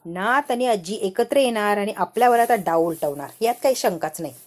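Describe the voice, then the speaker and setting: A woman's voice: mid-range voice, lively intonation, normal speed, lightly acted. A woman voicing a scheming older woman who broods over her failed plots. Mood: brooding. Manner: resigned, brooding. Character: scheming older woman villain, gloomy and calculating.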